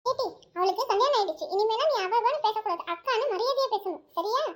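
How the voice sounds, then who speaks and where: A woman's voice: very high-pitched, expressive, fast talker. A woman voicing a scolding middle-aged mother in a home family drama where she plays every role. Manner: scolding, calls daughters "ஏடி". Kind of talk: home family drama, one narrator voicing all roles.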